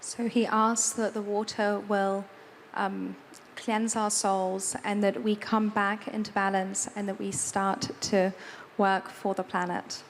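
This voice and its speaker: Woman interpreter, flat steady delivery, faint background noise. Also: mid-range voice, slow pace. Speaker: moderator and interpreter. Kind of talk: live interpretation on a panel. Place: large hall at an event.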